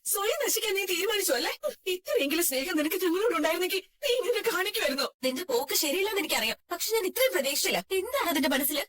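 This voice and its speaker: A woman voicing a young sister who scolds her brother in rapid-fire bursts, in a fan dub of a TV serial. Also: extremely high pitch, animated, fairly bright tone. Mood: scolding.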